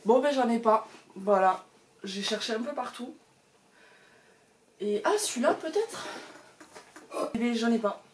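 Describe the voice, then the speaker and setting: A woman's voice: on the high side, normal speed, long pauses, slight background noise. A woman chatting casually to the camera about her books at home, with lots of hesitations and fillers. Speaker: book vlogger.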